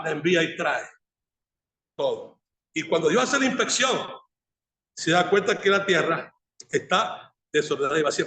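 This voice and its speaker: A man's voice: high-pitched, bright, forceful tone. A man with a Venezuelan accent preaching a sermon as pastor in a church, putting rhetorical questions to the congregation. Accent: Venezuelan Spanish. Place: church hall. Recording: echoey church hall with long reverb.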